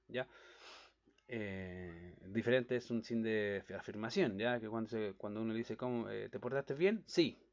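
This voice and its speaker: Man teaching a recorded lesson. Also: medium pitch. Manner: explanatory, checks in with a repeated "¿ya?". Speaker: Bible study teacher. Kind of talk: recorded lesson explaining sentence diagramming. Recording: dull lo-fi recording.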